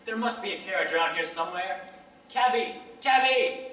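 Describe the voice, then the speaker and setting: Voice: medium pitch, fast talker, pushed and bright, natural voice. Prim easily offended gent, school play actor, fussy and flustered, roomy hall sound from the back. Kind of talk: high school stage play. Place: school auditorium stage. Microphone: far camera. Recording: echoey hall from far off.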